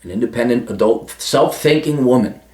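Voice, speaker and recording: Answering a listener letter, this advice vlogger delivers a blunt monologue full of crude, emphatic counsel and free-flowing profanity. His mid-range voice has a darkish tone and runs a little fast. The room adds a noticeable echo.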